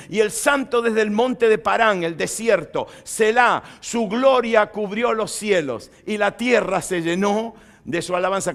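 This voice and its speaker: A man preaching a sermon in a notably high voice. He asks his listeners questions in lively style, then reads scripture out in loud, forceful bursts. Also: gravelly. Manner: lively preaching, rising to loud proclamation when reading scripture. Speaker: pastor.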